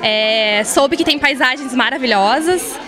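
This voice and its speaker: Young female participant, eager, quick answers, handheld mic, lively crowd behind. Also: high-pitched. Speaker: event participant. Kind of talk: interview answer. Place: indoor hall at a farm event.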